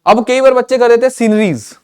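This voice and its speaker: High-voiced man teaching grammar. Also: a little mellow, clean tone. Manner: explains in Hindi mixed with English, slows down for English examples; repeats words and checks in with "theek hai". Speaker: English teacher. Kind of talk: online exam-prep grammar lesson.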